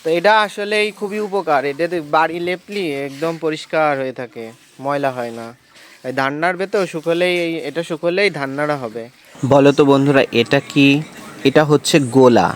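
Out in a village farmyard, a young Bengali man vlogs in simple, teacherly language, putting questions to his viewers and then answering them himself. His voice is a little high and smooth, and he talks fairly quickly.

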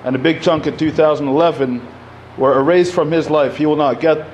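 Speaking at a podium in a community center hall, an Egyptian-born man in his thirties gives a public talk as a panel speaker, casual and full of fillers and restarts. He talks fairly quickly, with a fairly high, darkish voice and fairly even intonation. The podium mic audio is dull, with a little hiss or hum.

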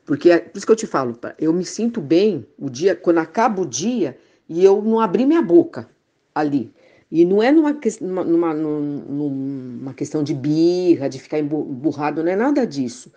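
Woman, casual reflective talk; low, mellow voice, halting speech full of fillers, frank and exasperated. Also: lively intonation, muffled recording. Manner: halting, many fillers and restarts. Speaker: conversation partner in spiritual talk.

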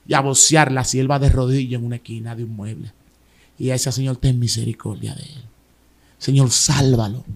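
Dramatic pastor telling testimony. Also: male voice, on the high side. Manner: dramatic storytelling, voicing others in quotes. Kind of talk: emotional personal testimony.

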